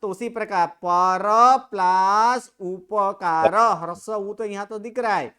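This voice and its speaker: A teacher with a smooth, resonant voice leads a grammar class. Questions come one after another, and each answer is repeated back slowly and deliberately. The delivery is clear and steady, with a mid-range pitch. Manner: quizzing students with constant questions. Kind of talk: classroom Sanskrit grammar lecture.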